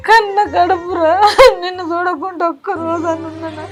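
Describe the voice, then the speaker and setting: A woman's voice: high voice, steady tone, moderate pace, natural voice. A woman playing a grieving village mother who pleads and weeps over her married son. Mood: tearful pleading. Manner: sobbing, pleading, lamenting. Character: grieving village mother, middle-aged, tender and tearful. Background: music.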